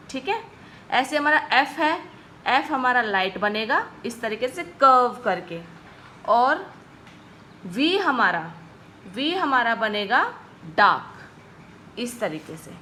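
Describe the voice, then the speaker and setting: Female tutor, high bright voice, slow patient delivery, faint background hum. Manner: patient, repeats "ठीक है guys" often. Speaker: stenography teacher. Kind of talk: video lesson explaining strokes.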